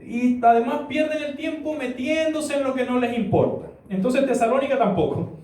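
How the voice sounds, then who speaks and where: A man playing a patient, gently explaining older apostle, in a voice sitting very high for a man. The sound is roomy and comes from a distant mic. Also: normal speed. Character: the apostle Paul, patient older male advisor. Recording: echoey church room, distant mic.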